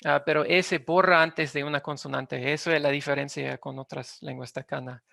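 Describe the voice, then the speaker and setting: A man presents academic material over a video call, pausing and restarting as he hunts for the right word. His voice is gravelly and bright, sitting a little high for a man, and the sound is close and dry. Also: fairly even intonation, dry recording. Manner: halting, often searches for words. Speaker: linguistics presenter.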